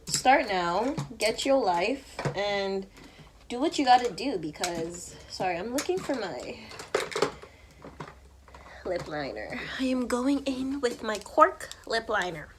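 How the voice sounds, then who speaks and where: A young woman vlogger chatting casually to viewers while she does her makeup, animated and candid, slipping into whispered asides. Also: mid-range voice, slow, background noise. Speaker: beauty vlogger.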